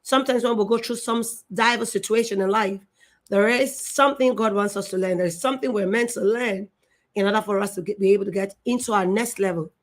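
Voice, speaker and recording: Talking fast at a medium pitch, a middle-aged woman hosts a live online show. She is effusive and emotional, repeating herself and restarting her sentences.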